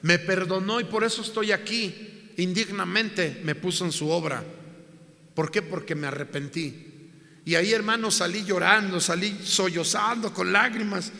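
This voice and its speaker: High bright preacher guy, emotional testimony to his brothers, long echo in a church hall. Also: moderate pace, creaky. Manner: emotional, addresses congregation as brothers. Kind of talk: sermon testimony.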